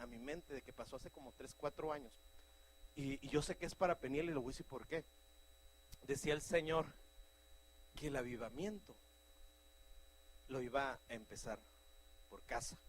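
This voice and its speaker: A middle-aged man preaching a fervent sermon, telling stories and breaking into loud shouts. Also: on the high side, slight background noise, low-quality recording. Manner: fervent, shouting bursts, anecdotal.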